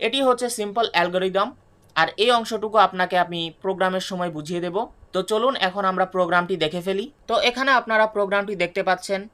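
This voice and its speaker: A woman teaching a programming lesson, explaining each step, then asking and answering her own questions. She reads English definitions slowly and restates them in Bengali. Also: medium pitch, a bit bright. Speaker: programming tutor. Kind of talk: screen-recorded coding lesson.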